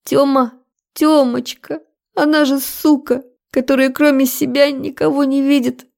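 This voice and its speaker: A woman's voice: little pitch movement, unhurried, creaky, a little mellow. A woman reading an audiobook, voicing a hysterical, clingy young woman who pleads and sobs. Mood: pleading. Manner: shrill, tearful pleading. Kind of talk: audiobook character voice.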